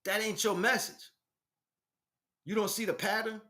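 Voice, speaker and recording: An American man acting as a teacher gives an informal spiritual monologue, emphatic and full of streetwise slang, speaking directly to listeners. His high voice is steady and unhurried, with a pushed, bright quality.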